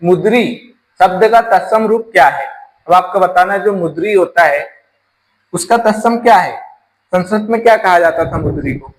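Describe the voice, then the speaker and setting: A man's voice: high-pitched, moderate pace, rough recording. A man from teaching an exam-prep grammar lesson, explaining step by step and asking his class rhetorical questions.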